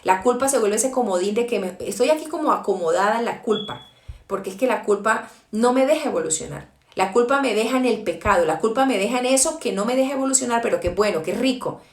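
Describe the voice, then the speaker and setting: A woman's voice: on the high side, expressive, quick pace, echoey room. A woman giving an earnest devotional talk as a preacher, acting out prayers and self-pity in quotes.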